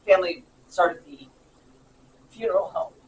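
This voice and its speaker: A man's voice: sits high, steady tone, measured pace, recorded from a distance, a little hiss or hum, poor audio. A man in casual group talk, filling in local history details.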